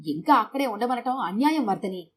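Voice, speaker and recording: A woman's voice: fairly high pitch, lively intonation, a little fast, fairly bright tone, slight background noise. Woman reading as a weary, lecturing husband. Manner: tired, lecturing. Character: weary middle-aged husband.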